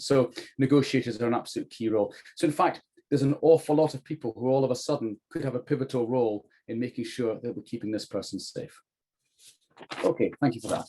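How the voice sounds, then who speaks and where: Guy in his middle years doing a training talk, informal, explains stuff, average pitch. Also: dark tone. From UK, northeast England. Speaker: trainer, former police officer. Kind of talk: informal lecture in a training session.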